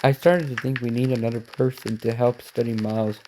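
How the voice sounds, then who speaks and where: Mellow man reading a story with asides. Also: medium pitch, fairly even intonation, slight background noise. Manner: reads haltingly, corrects himself and cuts in with quick asides. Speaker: reaction video host. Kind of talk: reading a story aloud with reactions.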